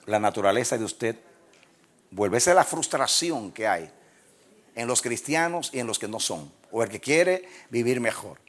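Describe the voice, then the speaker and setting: A pastor preaching a sermon, swinging from loud, emphatic lines to hushed ones and laughing at his own jokes. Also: mid-range voice, lively intonation, normal speed.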